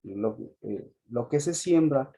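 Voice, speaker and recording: A man's voice: mid-range voice, animated, slow pace, dark tone, husky. A man preaching a sermon, often repeating and restarting phrases and asking the congregation rhetorical questions.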